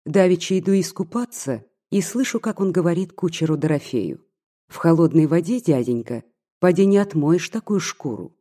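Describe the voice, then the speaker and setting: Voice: medium pitch, lively intonation, normal speed, mellow, close to an everyday voice. A reader putting on a spiteful old maid. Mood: indignant. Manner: mocking, scolding, prying. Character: spiteful gossiping old maid, sharp-tongued.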